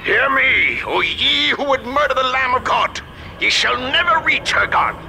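An actor playing a fanatical preacher in a video game, declaiming wrathful threats in archaic scripture-like language. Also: male voice, extremely high pitch, lively intonation, a little slow, creaky, pushed and bright, a little hiss or hum, exaggerated voice. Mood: wrathful, menacing.

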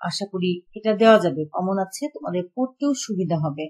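A woman's voice: lowish voice, expressive, brisk, darkish tone, breathy edge. Methodical woman teaching a grammar class. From Bangladesh. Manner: methodical, explains rules step by step with listed examples. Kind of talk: online class lesson.

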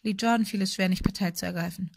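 A woman narrating an audiobook with steady storytelling. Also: medium pitch, quick pace, creaky, no echo, studio quality. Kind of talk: scripted narration.

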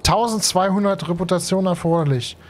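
A young German man's voice sits high and runs fairly quick as he streams a let's play from his home room on a headset. He has a cold and is tired, and his casual, slangy chatter is full of fillers as he thinks out loud.

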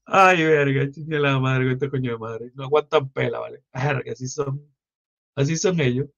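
A man's voice: mid-range voice, fairly even intonation, moderate pace, gravelly, hardly any pauses, a bit bright. A Venezuelan man with a Venezuelan accent, hosting a livestream and ranting in a crude, mocking, rambling way. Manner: foul-mouthed, mocking, loose and rambling. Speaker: livestream host. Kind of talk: crude political livestream rant. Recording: muffled lo-fi livestream audio.

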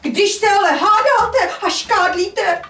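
A woman's voice: extremely high pitch, pushed and bright, exaggerated voice. A woman voicing a caring mother goat who chides and laments in a puppet-theatre fairy tale. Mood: scolding. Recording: echoey stage, distant mic, faint noise.

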